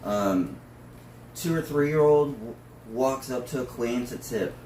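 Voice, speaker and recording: A man's voice: medium pitch, slow, darkish tone. A man who is a drag performer, talking casually through notes in a discussion. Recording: roomy, distant mic with faint noise.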